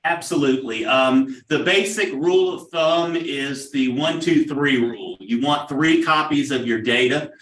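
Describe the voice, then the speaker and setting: A man who is a district technology official, answering board questions in a measured, explanatory way with frequent "um" pauses. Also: medium pitch, a bit bright. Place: meeting room. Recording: roomy, picked up from far off.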